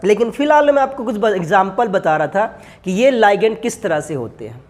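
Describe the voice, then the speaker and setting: A man's voice: high-pitched, animated, moderate pace. A male chemistry teacher lecturing while he writes on a board. He keeps asking the class questions and answering them himself, and talks to his students in a familiar way, calling them son and brother.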